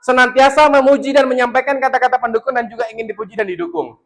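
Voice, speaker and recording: A man with a Javanese accent giving a lively parenting talk to parents at a school, joking with them and acting out parents and children. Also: very high voice, quick pace. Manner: jokes with the audience and acts out parents and children. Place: school hall with a parent audience.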